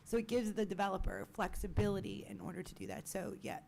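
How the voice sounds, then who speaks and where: A hoarse woman who is losing her voice, answering matter-of-factly as a town official at a council meeting. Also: medium pitch, animated, fast, a little mellow, a little hiss or hum.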